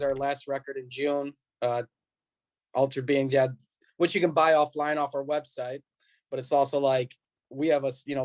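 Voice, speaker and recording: Appearing as a podcast guest, this band musician from Chicago, United States, talks in a medium-pitched voice with a darkish tone. He rambles casually, peppering his speech with "like" and "you know."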